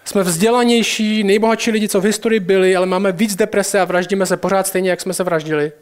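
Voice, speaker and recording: A man preaching a sermon, speaking straight to his listeners with urgency and slowing down to stress key phrases. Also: high-pitched, steady tone.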